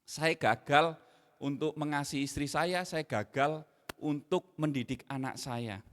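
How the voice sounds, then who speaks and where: A middle-aged man preaching a sermon in an animated way, dropping in slang. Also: a little high, unhurried. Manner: animated, mixes in Javanese slang, acts out his own scolding. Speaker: pastor. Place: church hall. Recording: long hall reverb.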